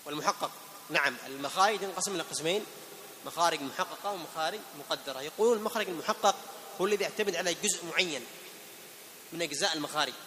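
High-voiced man teaching Quran recitation. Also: sharp tone, long reverb tail, slight background noise. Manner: patient, questioning students, demonstrating words slowly. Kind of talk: tajweed lesson to a class.

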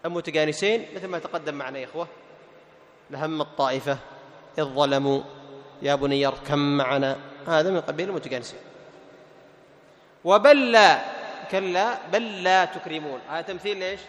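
A male Quran teacher explaining tajweed rules to a class. He asks questions, answers them himself, repeats the key terms and slows down to recite the verse examples. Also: on the high side. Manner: recites verses slowly and melodically. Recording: long hall reverb.

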